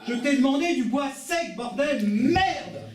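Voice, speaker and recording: A man acts out a cranky castaway who swears freely and grumbles at everyone, his voice swinging widely in pitch. He sounds far from the mic in an echoing rehearsal room. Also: expressive, unhurried. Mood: irritated. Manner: gruff, curses a lot, snaps at his partner. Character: grumpy male castaway, irritable, swearing. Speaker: improv theatre student. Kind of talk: improvised theatre scene.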